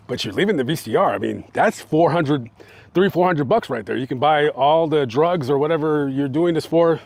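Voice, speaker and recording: A man's voice: on the high side, darkish tone, dry recording. A man hosting a true-crime channel, telling the story on location in a casual, conversational way, with plenty of fillers as he talks to his viewers. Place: on location outside a house.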